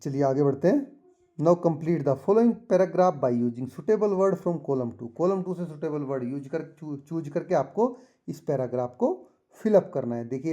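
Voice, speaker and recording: A male teacher going through a textbook chapter for exams, reading the English lines slowly and explaining them in Hindi, often checking with the pupils. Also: fairly high pitch, dark tone, muffled recording. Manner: often asks the pupils "ठीक है?". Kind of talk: exam-prep lesson explaining a textbook chapter.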